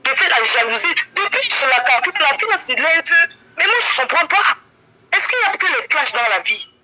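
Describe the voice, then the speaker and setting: A woman's voice: high voice, very animated, a little fast, pushed and bright, dull audio. A woman calling in to a live stream, heard over a phone on speaker held away from the mic, scolding and insistent and repeating herself. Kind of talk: heated phone call.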